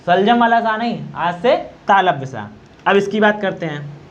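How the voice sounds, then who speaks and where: A male teacher giving an exam-prep grammar lesson, quizzing students, repeating answers and slowly demonstrating sounds. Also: high voice, expressive. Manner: quizzing, repeats answers, asks "okay?" often. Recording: dull lo-fi recording.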